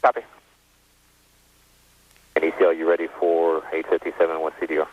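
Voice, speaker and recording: Tinny radio loop: low, flat-voiced man. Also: slight background noise. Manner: brisk procedural checklist talk. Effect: narrowband radio comm loop. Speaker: launch test conductor. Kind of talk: clipped countdown radio call-outs.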